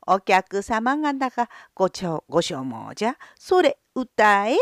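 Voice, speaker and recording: A woman's voice: sing-song, measured pace, dry recording, studio quality. A woman voicing a greedy, fawning male peddler in a folk tale, calling out like a street hawker. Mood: hawking. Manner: shrill, fawning, hawker's calls.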